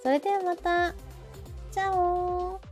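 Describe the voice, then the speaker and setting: Faint music sits behind this live audio show, where a Kansai-accented woman chats casually and keeps offering agreeing backchannels. Her voice is very high with a darkish tone, and she speaks slowly with fairly even intonation.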